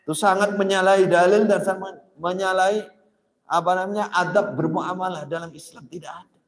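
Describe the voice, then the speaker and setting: A man's voice: sits high, steady tone, brisk. A man preaching a sermon, telling stories with emphatic, sharply rising stresses on key words. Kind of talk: sermon with storytelling. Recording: echoey hall with long reverb.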